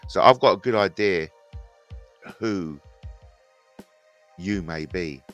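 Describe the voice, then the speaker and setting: With faint music behind him, a man in his fifties hosts a jokey, rambling livestream in a low, slow, fairly bright voice. He brings up his speech impediment and tends to repeat himself.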